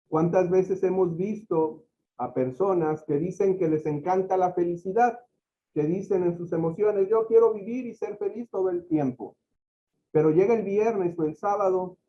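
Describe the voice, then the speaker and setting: A man's voice: fairly high pitch, lo-fi sound, a little hiss or hum. A man giving a lecture to teachers, explaining ideas through everyday examples and acting out quoted speech. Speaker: facilitator of a teacher-training talk.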